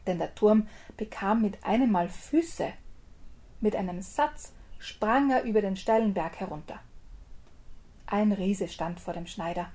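Woman storyteller, mid pitch, lively fairy tale narration. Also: a little slow. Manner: lively storytelling, explaining dialect words.

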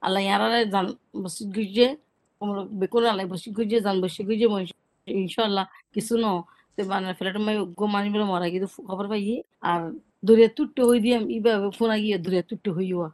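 This interviewee, a native Rohingya-speaking woman, relates a first-hand experience in a conversational way, frequently repeating words. She has a mid-range, darkish voice with a steady tone, and she speaks fast.

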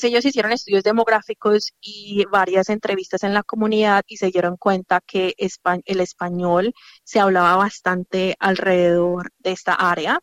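A woman educator explains how young children learn, thinking aloud and restarting now and then. Her voice is mid-pitched, and the recording is dry and close, with little room sound. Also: no echo. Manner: thoughtful, explanatory, with fillers and restarts. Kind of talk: conversational interview answers. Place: childcare centre.

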